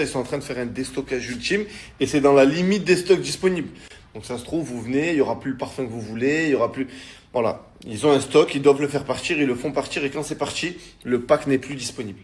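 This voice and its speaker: A man's voice: mid-range voice, a little mellow. A man reading a sponsor promotion in a hyped, slangy way, talking straight to his viewers. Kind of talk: promotional ad read.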